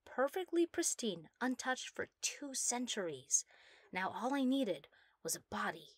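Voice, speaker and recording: A woman's voice: medium pitch, no echo. Woman acting out a giddy mad scientist, ASMR role-play, dry sound. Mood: matter-of-fact storytelling. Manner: mad scientist, theatrical and self-satisfied. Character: young female mad scientist, proud, giddy, obsessively ambitious.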